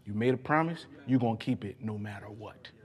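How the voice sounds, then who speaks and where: A man preaching a sermon, fervent and emphatic, repeating key phrases for weight and moving between quieter earnest asides and raised declarations. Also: lowish voice, a little fast, slightly rough. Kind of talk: sermon with scripture exposition.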